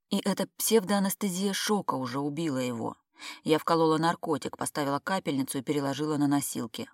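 A woman reading a first-person novel aloud in a steady, tense storytelling manner. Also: sits low, dry recording, clean studio sound. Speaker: audiobook reader.

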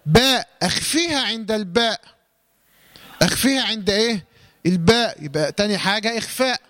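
A man's voice: high voice, lively intonation, fairly quick, bright, forceful tone. A man with an Egyptian accent teaching Quran recitation rules, asking questions and answering them himself. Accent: Egyptian Arabic. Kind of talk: tajweed lesson.

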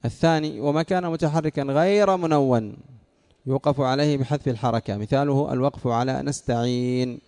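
A man's voice: mid-range voice, fairly quick, dark tone. A man teaching a classroom lesson, explaining rules step by step and quizzing his students with questions. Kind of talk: classroom lesson on Arabic morphology.

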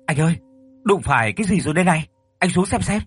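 A man voicing a scared younger village boy, fast and high-pitched when frightened. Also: expressive, breathy edge, dry recording, faint music behind. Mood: urgent.

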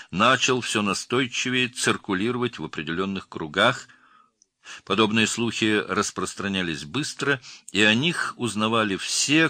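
A male audiobook narrator reading a crime novel with a very deep voice that still moves through a lively, animated pitch. His tone is bright and forceful. The recording is close and bone dry. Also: no room sound.

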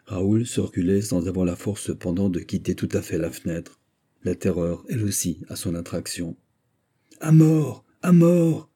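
Husky, dark-voiced male narrator. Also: low-pitched. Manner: steady, measured literary reading. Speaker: audiobook narrator. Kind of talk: scripted narration of a classic novel.

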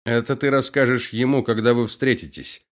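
A man reading an audiobook, voicing a cold, calm male colonel who gives orders and gloats. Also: medium pitch, normal speed, pitched above the performer's own voice, natural voice. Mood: cold, commanding.

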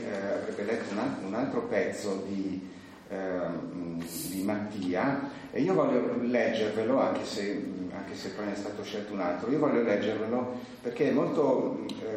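A man speaking at a book presentation, halting with fillers as he introduces an excerpt, then reading it aloud. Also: on the low side, a little mellow. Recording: echoey room, distant mic, faint noise.

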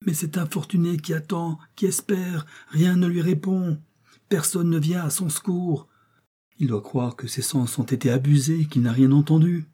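A bold, impatient hunter , as a man reads him, pitched up and pressing hard. He sounds urgent and eager to act. The voice stays dark and husky underneath, as in an audiobook. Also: steady tone, moderate pace.

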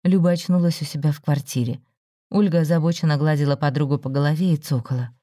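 Low, mellow woman narrator. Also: fast, no room sound, studio quality. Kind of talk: audiobook story reading.

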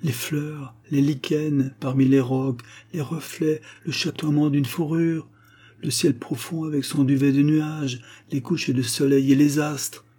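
Storybook role: ardent young climber, lyrical, husky and warm as a male reader plays him. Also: a little high, flat delivery, measured pace, voice pushed up. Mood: impassioned. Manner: passionate, lyrical. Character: passionate young mountaineer in love.

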